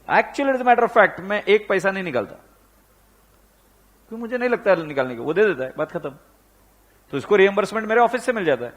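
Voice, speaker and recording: A man with an Indian accent teaching accounts, telling animated anecdotes and acting out the people in them, with rhetorical questions to his students. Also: a little high. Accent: Indian, Pune area. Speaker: accounts lecturer. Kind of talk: storytelling lecture mixing Hindi and English.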